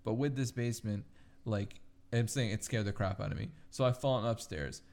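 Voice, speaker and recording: A man chatting casually as a podcast co-host, telling rambling, animated stories peppered with swearing. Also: fairly low pitch, brisk, gravelly. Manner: swears freely. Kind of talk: casual chat and storytelling.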